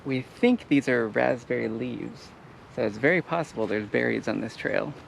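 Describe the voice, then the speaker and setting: A man hosting a casual hiking vlog outdoors, explaining the trail in a relaxed way with fillers. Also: mid-range voice, normal speed, gravelly, a little hiss or hum. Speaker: travel vlogger.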